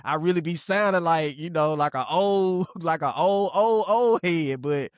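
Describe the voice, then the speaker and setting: Guy with a high voice chatting on a podcast, rambles a lot, dull dry sound. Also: normal speed, smooth, no room sound. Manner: rambling, repeats words, many fillers. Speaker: podcast co-host. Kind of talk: casual chat.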